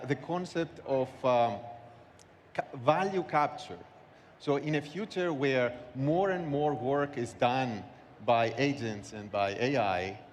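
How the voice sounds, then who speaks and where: A man giving remarks as a conference panelist, with a halting, searching delivery. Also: mid-range voice. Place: large conference hall. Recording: echoey hall, background noise.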